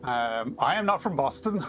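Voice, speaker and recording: An Australian man chatting casually with viewers as he streams a video game, easygoing and quick to chuckle. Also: medium pitch, expressive, a bit bright, slight background noise. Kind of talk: casual live-stream chat while playing.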